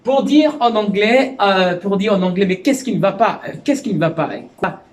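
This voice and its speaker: A man teaching English in a video lesson, repeating phrases and slowing down for his English examples, with stammers and restarts. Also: high-pitched, echoey room.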